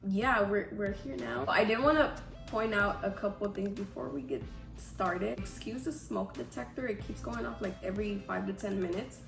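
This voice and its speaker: A woman's voice: medium pitch, moderate pace, gravelly. A woman in her twenties talks to viewers in an informal, self-deprecating vlog style. Her mid-range voice sounds affected by a cold. The room is echoey, and music plays underneath. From Houston, Texas, USA. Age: 20s. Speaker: vlogger. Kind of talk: casual chatty Q&A to viewers.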